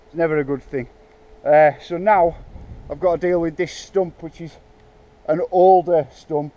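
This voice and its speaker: Chatty outdoor vlogger, a man with a slightly high voice, talks to camera while working, hesitant and offhand. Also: fairly even intonation, unhurried, dark tone, muffled recording. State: out of breath. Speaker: bike park builder. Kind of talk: casual vlog narration. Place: outdoors in woods.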